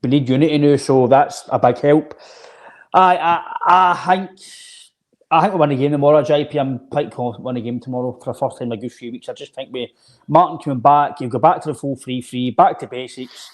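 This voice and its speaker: A man's voice: medium pitch, fairly quick. A man co-hosting a football podcast, casually talking through his predictions with frequent restarts. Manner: hesitant restarts, confident predictions. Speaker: podcast co-host.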